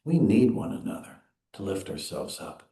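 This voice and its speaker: A man minister giving an earnest, measured sermon in a church. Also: low voice, very animated, gravelly, mellow. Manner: earnest, measured preaching with quoted readings. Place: church sanctuary. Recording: echoey sanctuary.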